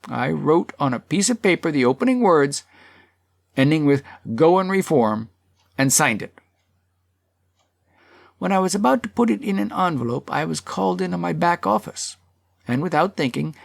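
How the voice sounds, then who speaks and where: A man reads as a self-righteous townsman who makes his case before a public hall. The speech is earnest and persuasive, and the voice swings widely in pitch with a gravelly edge. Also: clean studio sound.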